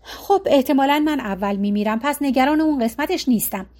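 A woman's voice: high-pitched, darkish tone, natural voice. Woman reader as an old man, dry and rambling, in a storybook reading. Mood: wry. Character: old man, stubborn, wry and talkative.

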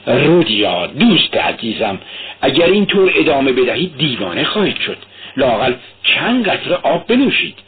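A man's voice: medium pitch, very animated, close to an everyday voice. A man voicing a sly, talkative police investigator who lectures and then fusses anxiously. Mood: fussing. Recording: tinny lo-fi radio recording.

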